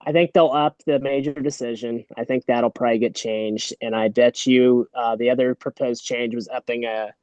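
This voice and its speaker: Male wrestling official, mid-pitch, patient explainer, dry recording. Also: moderate pace, few pauses, no room sound, rough recording. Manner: explains rules at length, steady and matter-of-fact. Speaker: wrestling referee. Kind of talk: casual podcast interview.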